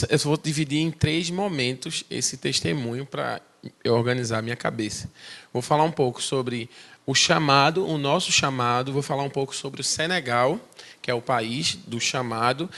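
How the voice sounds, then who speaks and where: Speaking at a moderate pace in a gravelly, fairly bright mid-range voice, this forties-aged man from Recife, Brazil, shares his testimony as a missionary. His accent is Pernambuco Brazilian Portuguese. He talks directly to the church congregation, keeping it casual with chatty side remarks.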